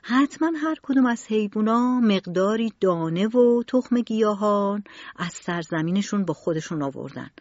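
A woman's voice: mid-range voice, lively intonation, a little mellow, dry recording, close to an everyday voice. A woman voicing a thoughtful, earnest young boy who asks curious questions. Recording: dull lo-fi recording.

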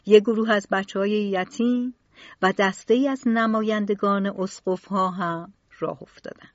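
A woman narrates a children's storybook with expressive, varied delivery at a medium pitch. The recording is dry, dull, and lo-fi.

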